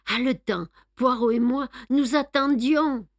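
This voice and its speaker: A woman reading a novel aloud for a radio program, in a measured storytelling manner. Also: sits high, no echo, studio quality. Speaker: radio reader and presenter. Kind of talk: audiobook reading.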